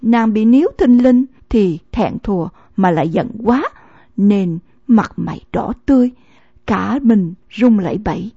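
Woman, audiobook narrator, measured storytelling, mellow husky voice, muffled dry sound. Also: mid-range voice, expressive, no echo. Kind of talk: scripted novel narration. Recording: dull lo-fi dry recording.

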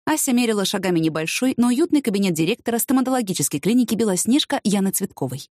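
Expressive woman audiobook narrator. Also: medium pitch, quick pace, no echo, studio quality. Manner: expressive reading. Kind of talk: scripted narration.

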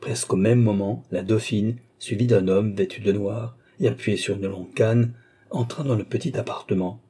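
A man reading a classic novel aloud in a measured, storytelling manner. His voice sits low, with a dark, mellow color and a husky grain. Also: fairly even intonation. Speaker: audiobook narrator. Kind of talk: scripted narration of a classic novel.

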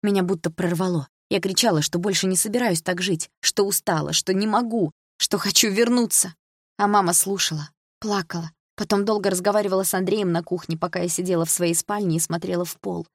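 Husky, lower-pitched woman narrator, first-person audiobook read, dry studio sound. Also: fairly even intonation, brisk, no room sound.

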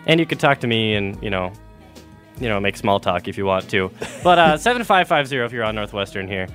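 A man's voice: on the low side, big pitch swings, brisk, a bit bright, soft background music. A young man hosting a college radio show, talking casually and rambling with fillers and restarts. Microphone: studio microphone.

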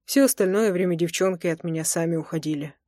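A woman voicing a teasing, tender young man in an audiobook, speaking low and slow in a murmur. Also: dark tone, no echo, clean studio sound, natural voice. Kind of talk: audiobook character voice.

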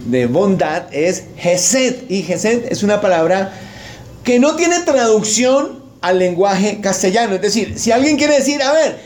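A pastor preaching a sermon, often turning to the congregation with short questions. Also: male voice, darkish tone, a little hiss or hum. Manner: wide swings of pitch, rhetorical questions to the congregation.

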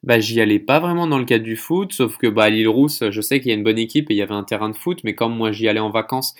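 A podcast host with a lowish voice interviews a guest in a casual conversation, talking fast in a rambling, hesitant manner.

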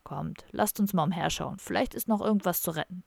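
A grumbling, cynical young drinker who mutters his dry, sardonic remarks low and unhurried, as a woman narrator puts him on. The voice has a gravelly edge and sounds close and dry, with no room around it. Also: steady tone, darkish tone, no room sound. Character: cynical hard-drinking young man, misanthropic metalhead.

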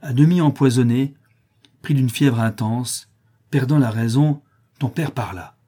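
A man voicing an old Mexican nurse woman, speaking gently and persistently. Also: medium pitch, measured pace, breathy edge. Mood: earnest.

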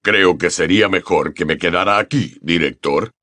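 A man reads aloud as a giant of a gamekeeper, rumbling very low and dry, close to the mic. His talk is blunt and guarding, with a growling edge. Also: moderate pace, bright, forceful tone, dry recording. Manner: blunt and protective. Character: huge, gruff, loyal gamekeeper man. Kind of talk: audiobook character voice.

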